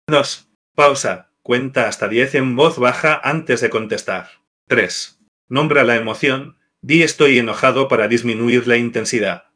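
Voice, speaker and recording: A man reading a scripted devotional explainer in a measured, list-like way. His pitch jumps up or down each time he reads out a number. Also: sharp tone. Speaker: narrator.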